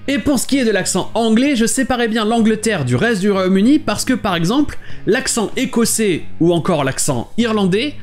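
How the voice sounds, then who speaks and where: Lively high-voiced male teacher. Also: moderate pace, faint music behind. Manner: lively, explanatory. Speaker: English pronunciation teacher. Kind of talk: video lesson.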